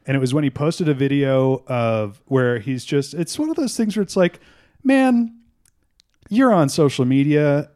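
A man's voice: medium pitch, very animated, normal speed, few pauses, a little mellow. A man co-hosting a podcast in casual chat, swearing freely and telling rambling stories. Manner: profane, rambling storyteller. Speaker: podcast co-host.

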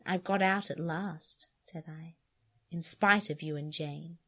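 A woman podcast host giving an expressive dramatic reading of a story, dropping to hushed lines and rising to sharp cries, then chatting casually about it. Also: deep voice, takes it slowly.

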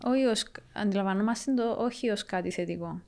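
A female interviewer with a Cypriot Greek accent speaks at an average pitch. Her delivery is conversational, as in a relaxed exchange of questions and reflections with a guest. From Cyprus.

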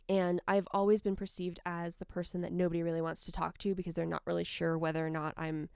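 Sultry woman with vocal fry. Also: fairly low pitch, flat delivery, quick pace, no room sound, studio quality. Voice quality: soft, sultry voice. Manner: frank, not bubbly. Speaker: podcast co-host. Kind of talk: casual chat.

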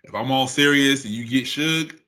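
A talkative young man in casual chat, playful and quick to laugh. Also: medium pitch, bright, forceful tone.

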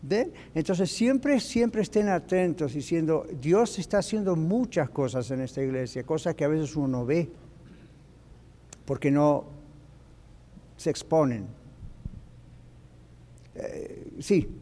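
Animated preacher man in an echoey hall. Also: a little high, slow pace, long pauses, a little hiss or hum. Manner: animated, switches into English phrases. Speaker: pastor. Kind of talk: teaching sermon. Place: church.

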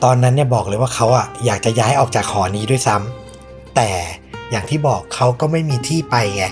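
A man's voice: mid-range voice, brisk, soft background music. A man hosting a podcast, telling a true ghost story in a suspenseful, conversational way. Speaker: podcast host.

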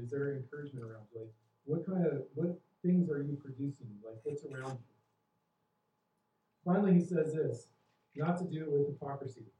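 A man's voice: on the high side, mellow. A man preaching a sermon as pastor, earnest and questioning the congregation, building in intensity. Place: church hall. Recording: roomy, distant, dull church recording.

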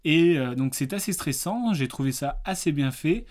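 A man's voice: fairly high pitch, animated, normal speed, a little mellow. Guy hosting a film podcast, chatty, lots of umms, teasing quiz vibe. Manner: chatty, many hesitations and fillers; playful quiz-master teasing. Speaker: podcast host. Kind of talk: casual film review podcast.

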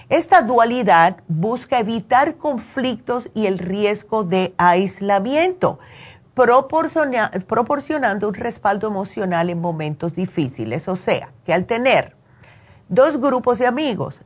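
A medium-pitched woman, Cuban-born and raised in the United States, hosts a radio call-in show. She offers chatty advice and personal anecdotes, frequently checking for agreement with tag questions.

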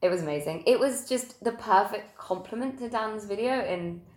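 A woman's voice: mid-range voice, moderate pace, a little mellow. A woman co-hosting a podcast in casual, informal chat, loosely phrased. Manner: informal, hedging with "like" and "kind of". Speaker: podcast co-host. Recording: roomy echo.

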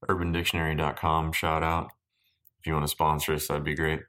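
Speaking briskly in a level tone, this man's extremely low, slightly bright voice has a stuffed-up nasal quality from a deviated septum. He hosts a podcast at home in an apartment, chatting in a dry, rambling, joking manner.

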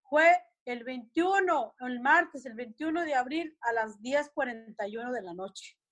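Anguished high-voiced mother. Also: animated, unhurried, fairly bright tone. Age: middle-aged. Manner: anguished, recounts dialogue with quoted voices. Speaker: mother of a missing soldier, guest. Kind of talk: emotional radio interview.

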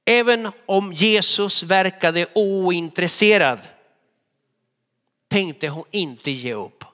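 Bright-voiced preacher in a reverberant church. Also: male voice, fairly high pitch. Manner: animated storytelling preacher, acts out voices. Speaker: pastor. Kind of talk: sermon.

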